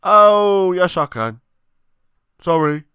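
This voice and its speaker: Guy putting on a high squeaky voice for a happy-go-lucky young student mate, way up top, bouncy. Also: animated, takes it slowly, pushed and bright, clean tone, no echo, clean studio sound, exaggerated voice. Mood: muffled alarm. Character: cheerful careless young male student flatmate.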